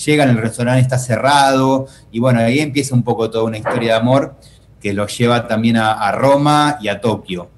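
A man with an Argentine accent, an actor speaking as an interview guest in a relaxed, chatty way, often restarting his phrases. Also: mid-range voice, a little fast, a little hiss or hum. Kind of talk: casual interview.

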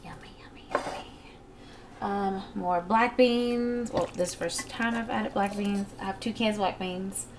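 A woman with a medium-pitched voice talks casually through a home vlog. Her delivery is slangy and playful, picked up on a handheld camera with clear noise behind it. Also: steady tone, measured pace, few pauses. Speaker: home vlogger. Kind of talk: casual vlog chat with narrated cooking.

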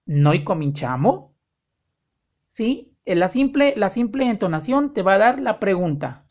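A woman teaching an online language lesson, speaking directly to the learner and drawing out her example sentences slowly. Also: mid-range voice, lively intonation, a little mellow, highs cut off. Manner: slow, drawn-out example sentences, friendly direct address. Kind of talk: online lesson explaining grammar.

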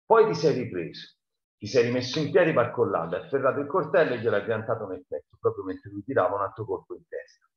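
A man reading aloud as a cold, scheming killer who speaks in a calm, commanding way. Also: fairly low pitch, quick pace, natural voice. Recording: roomy, dull lo-fi sound.

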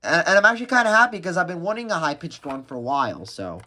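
A man giving casual unboxing commentary as a radio collector, talking in a halting way with many restarts and fillers. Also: a little high. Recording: steady background noise with packaging crinkles and clicks.

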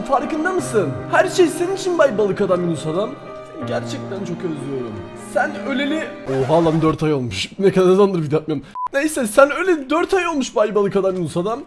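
A man with a very high voice gives rapid, theatrical commentary on his own game. He speaks to his viewers and to the animals on screen in a mock-dramatic tone. Faint music plays behind him. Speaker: gaming YouTuber. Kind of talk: playful Minecraft let's-play commentary.

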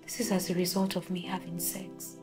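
A woman's voice: lowish voice, monotone, fairly quick, over music, close to an everyday voice. An actress playing a distressed, earnest young woman with a Nigerian English accent, exasperated with her friend. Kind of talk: film drama dialogue.

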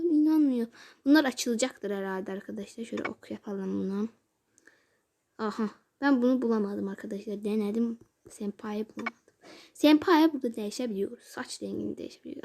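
A woman giving casual let's-play commentary as a gaming YouTuber, chatty and exclamatory, with sudden hushed asides. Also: fairly high pitch, gravelly, a little hiss or hum.

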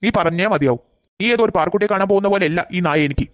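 Woman voicing cranky old cartoon grandpa, fast scolding delivery, lowish pitch. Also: dry recording, clean studio sound, lightly acted. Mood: angry. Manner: scolding, quick-tempered. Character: grumpy old grandfather who hates dogs. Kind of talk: cartoon voice acting.

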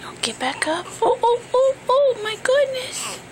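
A woman's voice: extremely high pitch, very animated, unhurried, a little mellow, a little hiss or hum. A woman cooing to her newborn in sing-song baby talk, gasping and gushing between short phrases. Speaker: mother talking to her newborn.

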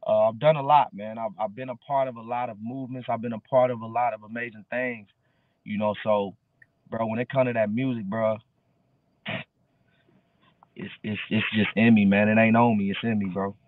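A man's voice: on the low side, level tone, moderate pace, dry recording. Man in his thirties on a tinny call. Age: early 30s. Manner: laid-back street slang, fillers like bro. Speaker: guest musician. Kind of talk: casual interview chat. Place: dark room at home. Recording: dry, tinny phone-like video call.

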